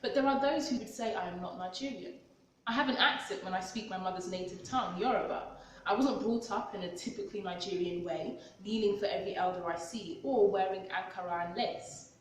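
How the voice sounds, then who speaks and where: In a large cultural hall with heavy echo and a distant mic, an author and vlogger in her twenties from London reads her personal essay with expression, performing the dialogue in a London accent. Her mid-range voice is a little fast, with slight background noise.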